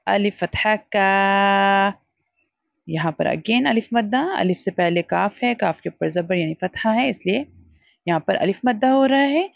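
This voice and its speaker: A woman teaching Quran reading in a recorded online lesson. She draws out each letter sound slowly, then explains quickly, slipping into English now and then. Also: medium pitch, vocal fry, no room sound. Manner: slow, drawn-out letter recitation between brisk explanations, mixing English. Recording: dull lo-fi dry recording.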